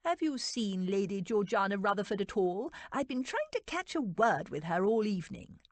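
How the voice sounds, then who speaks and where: A woman narrator voicing an eager, pompous young lord in a romance audiobook, calling out loudly and fussily. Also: medium pitch, sing-song, normal speed, no room sound, natural voice.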